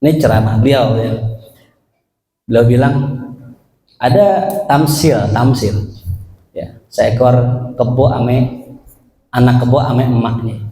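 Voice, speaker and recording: A man's voice: medium pitch, fairly even intonation, slow, pauses often, mellow. A man preaching a joking sermon in a mosque, addressing the congregation directly. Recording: echoey mosque hall.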